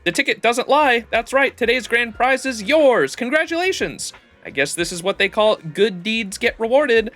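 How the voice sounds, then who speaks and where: Guy doing a happy game raffle clerk announcing prizes, high n bouncy, emphatic, music faintly behind. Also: very animated, normal speed, hardly any pauses, fairly bright tone, heavily acted. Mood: congratulatory. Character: cheerful, grateful raffle attendant announcing prizes. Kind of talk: reading game dialogue aloud.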